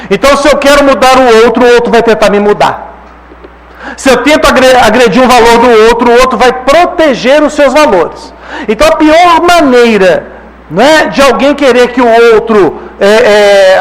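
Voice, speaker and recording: High-voiced man giving a conversational lecture. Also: moderate pace, slight background noise, low-quality recording. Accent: Brazilian Portuguese. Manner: conversational, frequent rhetorical "né?" and "tá?". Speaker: spiritist lecturer. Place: lecture hall.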